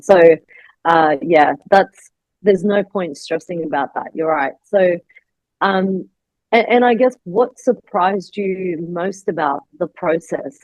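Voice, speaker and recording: A woman's voice: fairly low pitch, a little mellow, no room sound, poor audio. A woman hosting a casual podcast as a bodybuilding coach, giving reassuring advice with frequent fillers. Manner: reassuring, advisory, thinks aloud with fillers.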